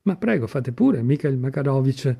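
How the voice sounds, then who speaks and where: A man's voice: medium pitch, expressive, normal speed, gravelly, dark tone, breathy edge. A man doing a composed examining magistrate. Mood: polite.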